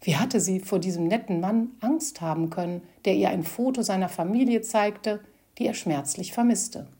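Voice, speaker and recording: A woman narrating a story aloud in an expressive, scripted reading. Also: medium pitch, normal speed, slightly rough.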